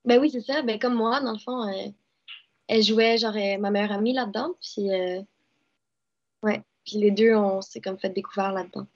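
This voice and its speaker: Young québécois actress chatting away, lots of euhs, mid voice, kinda muffled lo-fi audio. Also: female voice, medium pitch, fairly even intonation, normal speed. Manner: chatty, lots of fillers and restarts. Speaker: actress and dubbing artist. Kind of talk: casual interview chat. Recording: dull lo-fi sound.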